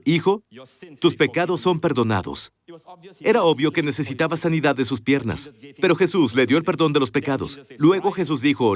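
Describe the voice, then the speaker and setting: A man giving a dubbed sermon voice-over, preaching emphatically and asking the congregation rhetorical questions, recorded in a voice-over studio. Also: fairly high pitch.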